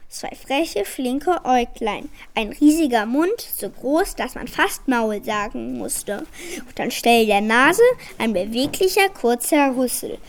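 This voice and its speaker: A woman reading a children's book aloud in a clear, even storytelling manner. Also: sits high. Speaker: reader.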